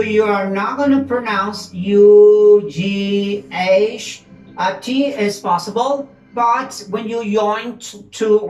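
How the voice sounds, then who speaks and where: A woman teaches a grammar class at an unhurried pace, repeating words so learners can drill them. Her voice sits in the middle range. The room is echoey, with faint music behind her. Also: medium pitch. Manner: explains slowly, switching between English and Spanish, repeating words for drill. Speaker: English teacher. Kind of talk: bilingual grammar lesson.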